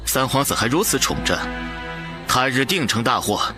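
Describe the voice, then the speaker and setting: A man's voice: medium pitch, very animated, moderate pace, over music, close to an everyday voice. A man voicing a blunt young marquis. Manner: blunt, reproachful. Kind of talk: animated drama dubbing.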